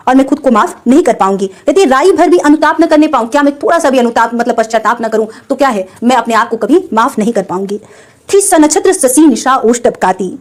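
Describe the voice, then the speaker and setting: A woman teacher reading verses of a Hindi poem aloud, then explaining each line in plain words and answering her own questions. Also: a little high. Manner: reads verses, then paraphrases in simple terms.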